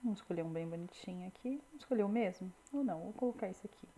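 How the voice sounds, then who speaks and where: A woman teaching a screen-recorded software tutorial in a chatty way, full of diminutives and check-ins with the viewer. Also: medium pitch, animated, rapid-fire, slightly rough, rough recording.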